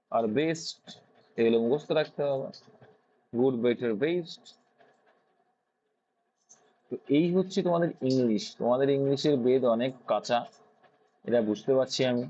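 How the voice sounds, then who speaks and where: A man with a Bengali accent teaches students English grammar, answering the questions he puts to them. His mid-range voice is a little mellow, and the recording has a dull, lo-fi quality.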